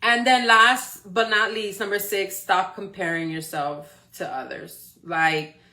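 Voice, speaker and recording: Bright-voiced encouraging woman in her forties. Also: medium pitch, fairly even intonation, measured pace. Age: 40s. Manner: encouraging, checks in with frequent "okay?" and "right?". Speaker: motivational speaker. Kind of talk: live-stream motivational talk.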